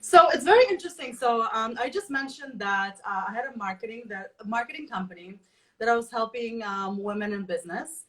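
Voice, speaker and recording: A woman's voice: on the high side, expressive, brisk, bright, forceful tone, low-quality recording. A woman from Poland, a company founder, talks casually in an online interview. She is chatty and loose and uses many fillers.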